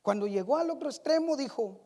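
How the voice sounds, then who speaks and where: A woman preaching a sermon, telling a story slowly and building to fervent praise. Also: high-pitched, lively intonation. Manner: slow storytelling, rising to fervent shouted praise. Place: church sanctuary. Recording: reverberant church hall.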